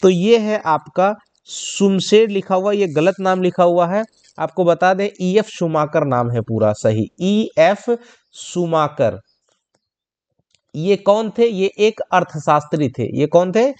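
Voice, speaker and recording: A man's voice: high voice, lively intonation, slow, a little mellow, clean tone. A man teaching students, going through exam questions one by one, addressing them directly and repeating each answer.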